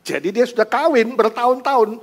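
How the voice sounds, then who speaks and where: A man preaching a sermon and telling a story, animated, dropping English words into his speech. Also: very high voice, a little fast.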